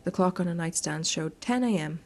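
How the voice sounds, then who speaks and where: Hosting a gaming video, a woman reads a horror story game aloud, breaking in with sweary, unscripted reactions. Her voice is fairly low, a little mellow and slightly fast, with faint game music behind it.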